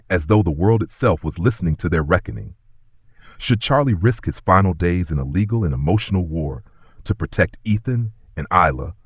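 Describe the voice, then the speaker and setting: A man narrating a dramatic story in a steady, scripted way. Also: low-pitched, husky, no echo, studio quality.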